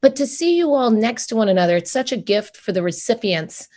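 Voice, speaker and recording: A woman's voice: on the high side, lively intonation, a little fast, a little mellow. A woman co-hosting a panel on a video call, giving enthusiastic, effusive closing remarks. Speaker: co-host of a panel.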